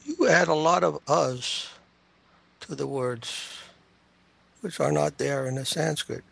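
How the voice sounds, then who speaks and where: Gravelly man correcting pronunciation. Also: fairly high pitch, a bit bright. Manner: patient, corrective, spells out sounds slowly. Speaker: Sanskrit teacher.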